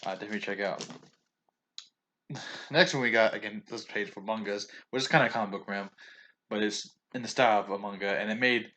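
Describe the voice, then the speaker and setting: Low-voiced man rambling through a haul. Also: fairly quick, long pauses, sharp tone. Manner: rambling, restarts often, stumbles over names; chatty and opinionated, with frequent chuckles. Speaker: vlogger reviewing a manga haul. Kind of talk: casual rambling haul video.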